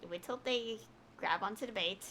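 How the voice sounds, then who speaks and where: A woman with a mid-range voice talks at normal speed in a sharp tone, with a little hiss or hum on the recording. She's a game streamer giving casual, rambling livestream commentary, thinking aloud as she plays over video game music.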